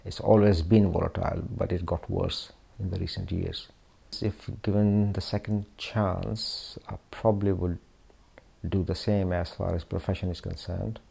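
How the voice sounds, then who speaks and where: A middle-aged hand surgeon from Pakistan speaks in a documentary interview, hesitant and reflective with many pauses. His low voice is mellow, with a flat delivery and vocal fry.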